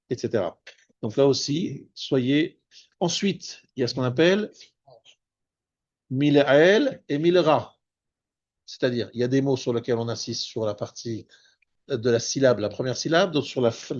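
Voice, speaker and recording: Rabbi guy giving a class, slows way down on the hebrew words, kinda dull lo-fi sound. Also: medium pitch, a little mellow. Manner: explanatory, repeats and restarts words, stresses Hebrew terms slowly. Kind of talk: spoken Torah lesson.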